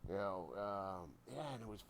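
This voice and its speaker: A middle-aged man casually telling a wild childhood story, swearing constantly and shouting out the lines of the people in it. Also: on the low side, lively intonation, moderate pace, crowd noise. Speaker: podcast guest.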